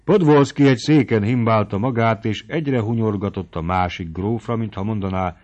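A man reads a classic tale aloud at a measured, even storytelling pace. His voice is fairly low. The recording sounds dull and lo-fi. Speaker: narrator. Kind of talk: audiobook reading of classic prose.

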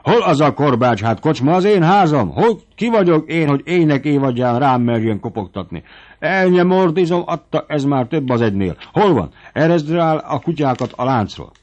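A man's voice: medium pitch, close to an everyday voice. A man doing a blustering old country squire. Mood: furious. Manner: shouting, blustery outbursts.

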